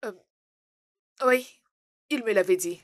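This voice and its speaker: An actress dubbing a brazen, self-assured young mistress in a drama, speaking flippantly. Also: female voice, medium pitch, slow, slight background noise, close to an everyday voice. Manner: flippant, bold. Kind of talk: dubbed drama dialogue.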